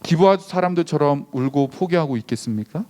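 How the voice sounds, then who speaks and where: A man preaching a sermon to high school students as their pastor, asking them questions and acting out the voices of the people in his story. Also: fairly quick. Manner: animated, acts out quoted voices, asks the audience questions. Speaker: youth pastor.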